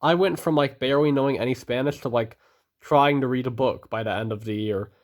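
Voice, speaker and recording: A man's voice: medium pitch, brisk. A teenage boy vlogging alone in a casual monologue, earnest and rambling as he thanks people and apologizes. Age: teens. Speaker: student vlogger.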